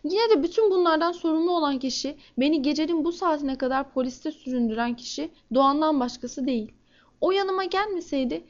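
A woman reading a first-person crime novel aloud in a steady, measured way. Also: high voice, lo-fi sound. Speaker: audiobook narrator.

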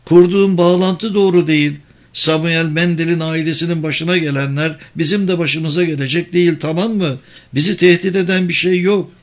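A man's voice: on the high side, steady tone, moderate pace, pitched above the performer's own voice, lightly acted. Distraught young mother, as a male reader puts her on, raised, shaky, pleading tone, audiobook. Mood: desperate arguing. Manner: tearful, urgent, pleading.

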